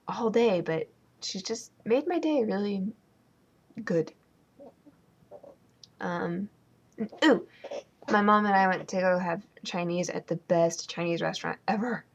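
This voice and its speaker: A woman's voice: medium pitch, breathy edge. Young woman ranting in a casual home vlog. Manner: ranting, sarcastic, rambling with many ums. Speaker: vlogger.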